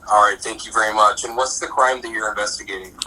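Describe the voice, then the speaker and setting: A man serving as a court commissioner, heard over a phone speaker, asking formal, measured questions in a polite, procedural way. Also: lowish voice, steady tone, bright, forceful tone, breathy edge. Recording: phone speaker heard from a distance, faint noise.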